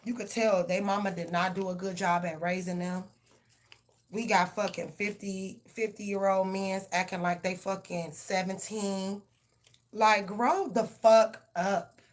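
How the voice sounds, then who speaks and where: A woman's voice: medium pitch, level tone, a little slow. Blunt, profane woman tarot reader. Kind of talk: live tarot reading and rant.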